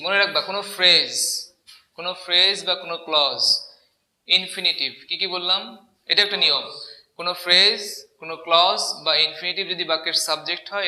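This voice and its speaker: A man's voice: sits high, sharp tone. A man teaching an English grammar lesson, asking the class questions and repeating key words. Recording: echoey room.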